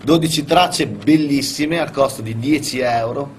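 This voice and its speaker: A man's voice: mid-range voice, measured pace. Male radio co-host, mid-range voice, casual and bantering, faintly noisy recording. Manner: bantering, joking. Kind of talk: casual chat.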